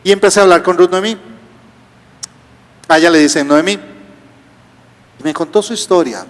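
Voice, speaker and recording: Pastor guy preaching, kinda high voice, jokes around, big echoey church. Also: normal speed. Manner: storytelling, rhetorical questions, humorous asides. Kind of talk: sermon. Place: church auditorium. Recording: reverberant church hall.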